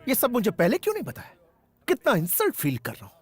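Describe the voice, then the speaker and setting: A man's voice: high-pitched, huge pitch swings, quick pace. A man voicing a boastful, hot-headed police officer in a dubbed film, with theatrical outbursts. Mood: questioning. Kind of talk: Hindi film dubbing.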